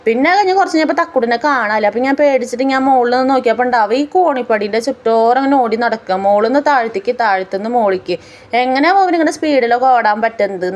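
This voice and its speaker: Fast-talking woman from Kerala. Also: a little high. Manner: chatty, tells the story step by step. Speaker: family vlogger. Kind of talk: casual voice-over narration.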